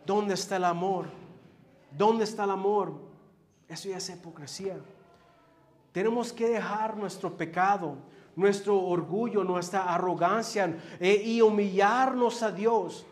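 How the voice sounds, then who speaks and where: Slow earnest male preacher, high voice. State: dizzy. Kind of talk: sermon.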